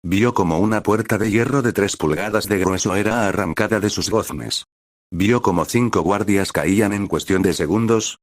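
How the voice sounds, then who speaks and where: Deep-voiced man narrating a dark story. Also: dry recording, studio quality. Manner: measured, dramatic reading. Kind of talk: scripted narration.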